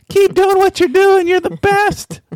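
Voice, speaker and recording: A man voicing his adoring pet dog in a high, squeaky falsetto, gushing praise. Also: very animated, slow pace, dry recording, exaggerated voice.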